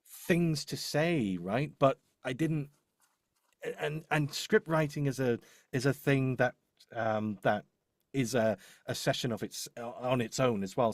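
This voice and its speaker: Clean studio sound with no echo carries a man's mid-range voice as he offers unscripted coaching as a demo producer. He stresses his points emphatically, goes over them again, and often checks in with "right?"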